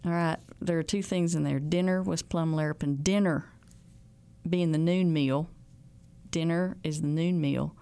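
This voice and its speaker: A woman's voice: sits low, fairly even intonation, unhurried, pauses often, dark tone, smooth, dry recording. A woman from the Arkansas Ozarks with an Ozark hill twang, talking informally in an interview in a folksy way with homespun rural expressions. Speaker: museum outreach coordinator and dialect expert. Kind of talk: informal interview talk about folk dialect.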